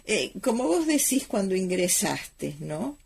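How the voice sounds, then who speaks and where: A man with a Rioplatense accent, interviewing a guest with short, unhurried questions and encouraging replies. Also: high voice, big pitch swings, creaky, husky. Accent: Rioplatense Spanish. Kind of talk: interview conversation.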